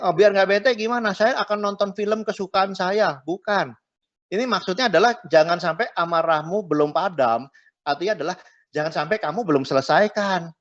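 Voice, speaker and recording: A middle-aged pastor with a high-pitched, slightly bright voice teaches a marriage class in a chatty style, tagging his phrases and slipping in English words. The recording is dull and lo-fi.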